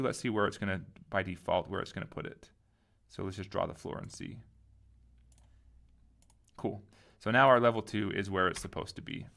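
A man with a lowish, gravelly voice walks through a software tutorial in a loose, relaxed way. He thinks aloud and lets his sentences trail off. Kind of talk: casual screen-recorded tutorial.

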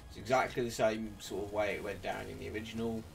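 A man's voice: lowish voice, level tone, fast, vocal fry. A man giving casual let's play commentary as a game streamer, with game music behind him. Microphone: seated before a webcam.

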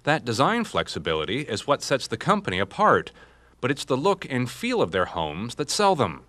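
A male TV host narrating a home-building feature in a smooth, measured presenter voice. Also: medium pitch, huge pitch swings, bright, forceful tone, no room sound. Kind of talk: scripted documentary narration. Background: background music under the voice-over.

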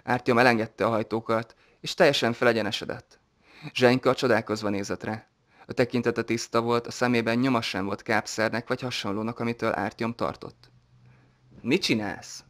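A man narrating an audiobook in a steady, even reading voice. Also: mid-range voice.

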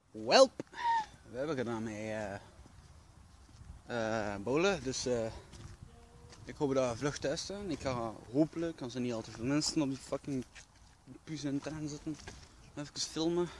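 Holding his camera at arm's length, a young man rambles playfully through a casual vlog, filling gaps with many fillers. His voice is mid-range and a little mellow, and the handheld camera audio is noisy.

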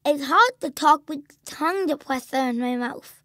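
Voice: extremely high pitch, wildly swooping pitch, fairly bright tone, no room sound, clean studio sound, full character voice. A young performer voicing a cheerful, eager boy tiger cub in a children's cartoon game, speaking simply and kindly to small children. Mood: cheerful, friendly. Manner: simple, slow, friendly instruction to young children.

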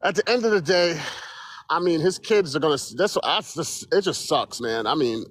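A man chatting casually as a livestream guest, in a halting, exasperated way. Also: on the high side, lively intonation, fairly bright tone, no echo.

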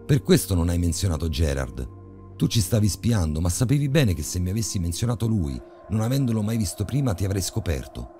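Guy playing a scared angry young man, yelling, accusing, horror story lead. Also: low voice, very animated, a little fast, faint music behind, voice pushed up. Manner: shouting, accusing. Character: young male hero, frightened and furious.

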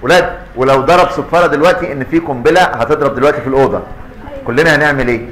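A man with an Egyptian Arabic accent giving a lively physiology lecture to students, quizzing them and acting out little scenes. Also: mid-range voice, rapid-fire, low-quality recording. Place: lecture hall.

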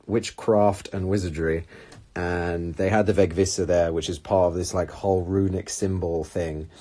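Young man, deep husky voice, casual chat, phone held at arm's length, small room. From England. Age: young adult. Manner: chatty and animated, reads out viewer comments. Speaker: livestream host answering viewer questions. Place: small room indoors, seated on red sofa.

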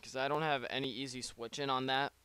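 A man's voice: mid-range voice, fairly even intonation, fairly quick, sharp tone, smooth, no room sound. A man giving casual, rambling play-by-play of his own online battle, with joking asides, close to a desk microphone. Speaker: league player.

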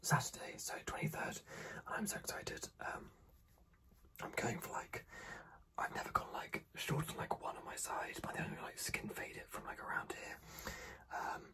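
Young guy doing fast aggressive asmr, breathy whisper, repeats bits quickly, bit far from the camera mic. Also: pushed and bright. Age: 20s. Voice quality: breathy, mostly unvoiced whisper. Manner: hurried, repeats short phrases. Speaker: host of a guessing-game ASMR video. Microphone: camera mic at about arm's length, no separate microphone. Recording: distant camera microphone.

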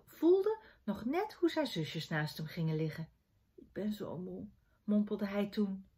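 A woman from the Netherlands reading a children's book aloud in an expressive storytelling manner. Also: mid-range voice, breathy edge. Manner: expressive storytelling, softening to a hush in quiet scenes.

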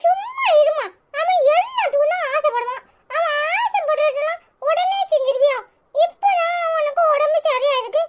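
Woman doing a shrill whiny little boy. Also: animated, moderate pace, very noisy. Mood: pleading. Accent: Tirunelveli Tamil. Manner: squealing, whining, sing-song teasing.

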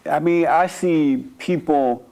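A middle-aged pastor sits by a small table on a dark studio set, fielding audience questions in a sermon-style Q&A. He speaks bluntly and preachily, in declarative statements, tossing in quick asides and mock-prayer voices. His voice is a bit higher than most men's, mellow in tone, and the recording sounds rough.

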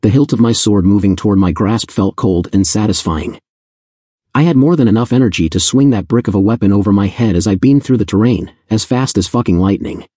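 Low husky male audiobook narrator. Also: fairly quick, warm tone, no echo, studio quality. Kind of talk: scripted first-person audiobook narration.

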